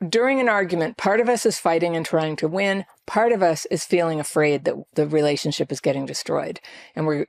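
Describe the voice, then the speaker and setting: A middle-aged woman coaching viewers on handling emotional people, in a calm, measured way with brief asides. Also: on the low side, gravelly, dry recording, clean studio sound. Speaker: relationship coach. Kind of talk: advice talk to camera.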